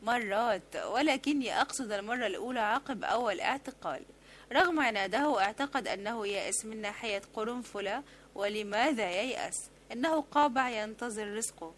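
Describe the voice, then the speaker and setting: A woman reading a literary novel aloud as an audiobook, in a measured, steady way. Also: on the high side, a little hiss or hum. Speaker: audiobook reader.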